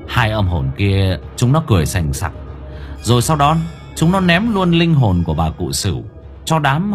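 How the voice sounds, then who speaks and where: A man narrating a horror audiobook in a dramatic, drawn-out storytelling manner. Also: lowish voice. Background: faint music.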